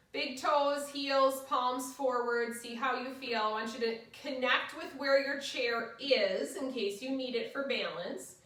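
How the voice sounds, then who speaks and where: Giving brief step-by-step cues for a chair yoga class, this woman instructor has a high, slightly bright voice. The audio comes from a far-off mic in an echoey room.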